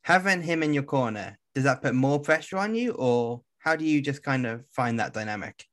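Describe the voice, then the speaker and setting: A man of ordinary pitch hosts a podcast, putting questions to a fighter in a calm, measured way. His delivery is plain and even. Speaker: podcast host interviewing a fighter. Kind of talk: interview questions.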